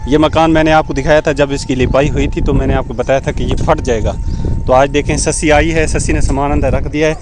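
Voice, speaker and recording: A man's voice: on the high side, fairly even intonation, noisy background. A man vlogging from his village, speaking Urdu with a Pakistani accent, showing viewers around from a rooftop and adding blessings as he talks. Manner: pious, sprinkles blessings, guides viewers. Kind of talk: casual vlog narration. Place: rural village, outdoors on a rooftop.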